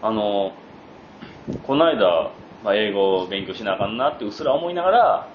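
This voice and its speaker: A man with a Kansai accent co-hosting a casual podcast, telling anecdotes with expressive swings in his voice. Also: fairly low pitch, normal speed, slight background noise. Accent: Kansai Japanese. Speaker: podcast co-host. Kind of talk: casual chat. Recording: roomy, slightly dull home podcast audio.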